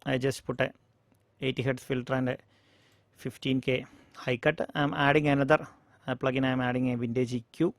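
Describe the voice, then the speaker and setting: A man with an Indian English accent walking through audio interface settings in a tutorial, pausing often for mic checks and fillers. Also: mid-range voice, flat delivery, dry recording, studio quality. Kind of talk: screen-recorded software tutorial. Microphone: studio microphone.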